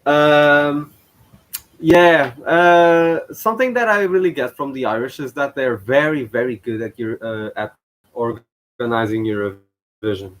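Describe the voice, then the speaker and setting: This channel host reacts to an old contest in a casual, halting way, full of fillers and restarted sentences. His medium-pitched voice keeps a measured pace, though the recording quality is low.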